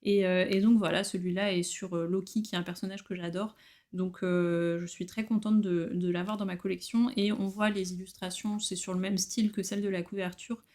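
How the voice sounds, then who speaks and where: A woman showing her new books in a casual vlog, chatty and relaxed, with frequent hesitations. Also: mid-range voice, a little fast. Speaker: book collector vlogger. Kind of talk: casual book haul chat.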